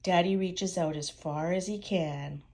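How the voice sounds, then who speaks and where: A woman's voice: lowish voice, unhurried. Older woman, a grandmother reading a storybook aloud. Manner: expressive, talking directly to young children. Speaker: grandmother reading a picture book to children. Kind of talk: warm storybook read-aloud with chatty asides.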